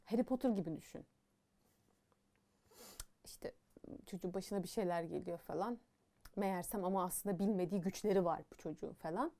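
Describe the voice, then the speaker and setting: Frank, mellow-voiced young woman reviewing books. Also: lowish voice, brisk, pauses often. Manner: animated, frank and opinionated, with many fillers. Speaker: book reviewer. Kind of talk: casual chatty book review.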